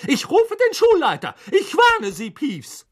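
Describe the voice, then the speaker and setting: A man's voice: extremely high pitch, huge pitch swings, a little slow, pitched above the performer's own voice, heavily acted. A man voicing a stern, strict older female teacher who barks commands, in an audiobook reading. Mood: angry commanding. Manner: barking, commanding.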